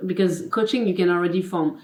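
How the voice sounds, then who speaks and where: A French-speaking Swiss woman from Geneva, a confidence and life coach, chats casually as an interview guest, laughing often and filling gaps with "you know" and "like." Her voice is lowish, fast and darkish, in a roomy, rough recording.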